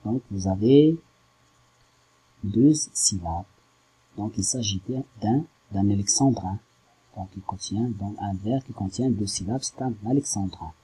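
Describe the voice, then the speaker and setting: Un homme, professeur de littérature, qui explique un poème lentement et en hésitant, en découpant les syllabes. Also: male voice, fairly low pitch, warm tone, husky, rough recording. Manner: slow, hesitant, spells out syllables. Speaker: French literature teacher. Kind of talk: slow classroom explanation.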